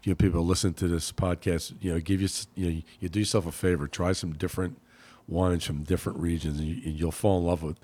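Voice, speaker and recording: A man with a deep voice hosts a casual podcast chat. His delivery is halting, and he often repeats words before finishing a thought. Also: flat delivery, mellow. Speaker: podcast host. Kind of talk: casual conversational hosting.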